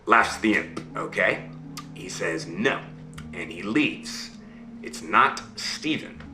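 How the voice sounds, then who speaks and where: A man's voice: deep voice, lively intonation, extremely slow, long pauses, bright, forceful tone, roomy sound, soft background music, exaggerated voice. A man telling a fairy tale to his child over a video call, voicing the characters and checking in with okay and right. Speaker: father telling a bedtime story.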